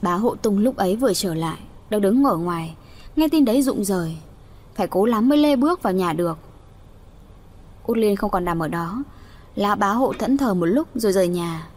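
A woman narrates an audiobook tale at a middle pitch. She reads the characters' lines in her own voice, lifting it a little for their speech. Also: expressive, normal speed, a little mellow. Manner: reads all characters' lines in a lightly raised voice. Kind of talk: storytelling audiobook reading.

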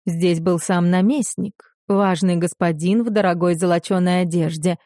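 A woman narrating a fantasy audiobook in a scripted, expressive reading style, lifting her voice when characters cry out. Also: fairly low pitch, normal speed, no echo, studio quality.

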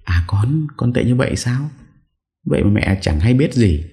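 Guy putting on an old mom in an audio story, wailing, scolding, pitched way up over his deep voice. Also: sing-song, moderate pace, gravelly, warm tone. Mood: reproachful. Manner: wailing, reproachful. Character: elderly mother, grieving and scolding her son.

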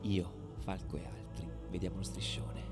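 Voicing a passionate football ultra in a radio theatre piece, an actor recalls stadium riots in a low, monotone voice at moderate pace, with light acting and a tense, subdued mood. He alternates theatrically between hushed murmur and loud declaiming as loud music plays under his voice.

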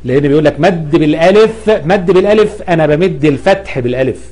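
Speaking quickly in a slightly mellow, highish voice, an Egyptian-accented man leads an Arabic grammar lesson. He explains with patience, draws out sounds to model pronunciation and presses hard on frequent errors.

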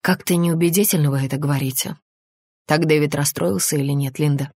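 A male police detective who presses on gently and persistently, keeping his questions soft and soothing, as a woman narrator voices him. The low, even reading sits dry and close to the mic. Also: brisk, breathy edge, dry recording. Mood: coaxing. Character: male police detective, calm coaxing interrogator.

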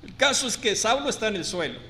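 A man's voice: high-pitched, sing-song, quick pace, bright, forceful tone, big-room sound. A man preaching a sermon to his congregation, drawing out key words for emphasis and calling them brothers.

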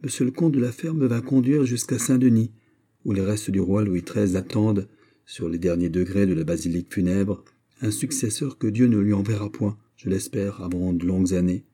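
A man voicing a gracious, modest young nobleman soldier in an audiobook, speaking softly, earnestly and courteously. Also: lowish voice, moderate pace, slightly rough. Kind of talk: audiobook character voice.

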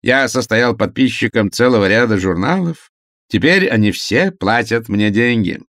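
A man's voice: mid-range voice, expressive, moderate pace, a bit bright, no room sound, studio quality. A man voicing a pompous young male invalid who speaks in a stiff, formal manner. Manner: formal, stilted, condescending.

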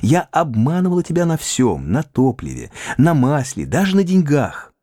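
A man reading an audiobook, voicing an adoring, playful young woman in a lilting raised voice, soft and eager. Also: a little high, very animated, moderate pace, dry recording, studio quality, pitched above the performer's own voice. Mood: playful tender.

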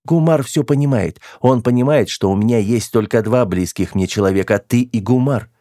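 A man reading an audiobook, voicing a stern, bossy young woman who gives sharp, commanding orders in a pitched-up voice. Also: moderate pace, no room sound, clean studio sound, lightly acted.

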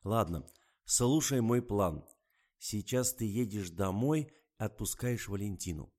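A man reading an audiobook, voicing a calm, precise male publisher with a lightly ironic manner. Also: lowish voice, slow pace. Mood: instructive.

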